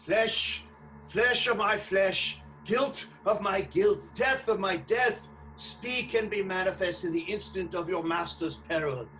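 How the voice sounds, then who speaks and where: Slow, high-pitched, incantatory Count Dracula. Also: male voice, bright, forceful tone, faint music behind, full character voice. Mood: fierce summoning. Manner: slow incantatory theatrical declamation. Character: Count Dracula, commanding male vampire summoning dark forces. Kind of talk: radio play acting. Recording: distant mic, clearly noisy background.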